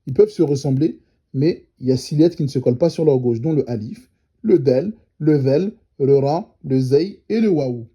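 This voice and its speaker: A man teaching Arabic reading step by step, patiently repeating syllables slowly and checking that his students follow. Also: fairly high pitch, dark tone, husky, lo-fi sound. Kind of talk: step-by-step lesson.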